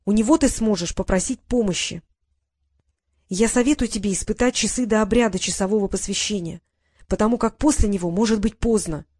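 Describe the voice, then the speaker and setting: Woman doing a nervous little brother, talks slow and unsure, dry close sound. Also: medium pitch, darkish tone, no echo, natural voice. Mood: urgent. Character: anxious young brother, secretive and touchy.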